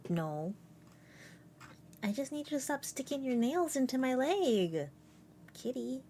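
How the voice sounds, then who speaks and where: A young adult woman chats unhurriedly on a casual live stream as a VTuber, at home with her cat on her lap, rambling and giggling amid many fillers. Her high-pitched voice has a dark tone and big pitch swings, and slight background noise can be heard.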